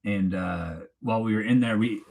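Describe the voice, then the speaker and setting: A man hosts a livestream with a Canadian accent, chatting off the cuff, reading live comments and teasing in a loose, rambling way. His voice is fairly low and darkish in tone, delivered at a moderate pace.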